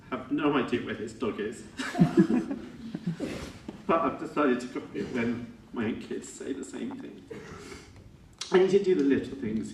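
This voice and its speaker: Middle-aged male, lowish voice, hesitant reflective eulogy delivery, distant mic with faint noise. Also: a little mellow, roomy sound. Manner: halting and reflective, with self-corrections. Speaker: son giving a eulogy for his father. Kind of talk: informal funeral speech.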